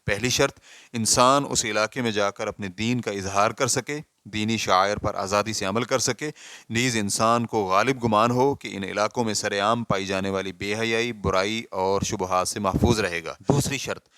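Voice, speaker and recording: Low-voiced man reading a formal ruling. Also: no echo, studio quality. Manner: measured, even recitation with cited references. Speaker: reader of a religious ruling.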